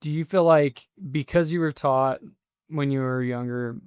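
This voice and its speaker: Halting host with a smooth voice. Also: mid-range voice, a little mellow, dry recording, studio quality. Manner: halting, searching questions. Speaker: podcast host. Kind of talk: casual interview questions.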